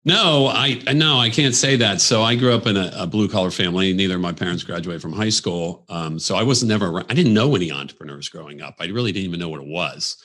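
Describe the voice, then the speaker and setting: Deep bright-voiced man telling stories. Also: fast, hardly any pauses. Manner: reflective, storytelling, frequent fillers. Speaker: podcast guest, entrepreneur. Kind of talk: conversational interview. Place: office.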